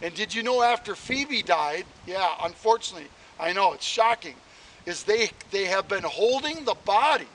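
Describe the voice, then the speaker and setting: Brief: man with a high voice, heartfelt monologue to a toy companion, filmed from several feet away in heavy wind. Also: lively intonation, moderate pace. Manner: talks to a stuffed toy as if it answers, with repeated affirmations. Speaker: vlogger addressing a toy companion. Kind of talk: earnest outdoor monologue. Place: outdoors in a wooded park by a sign. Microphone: camera several feet away. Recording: distant camera mic with loud wind noise.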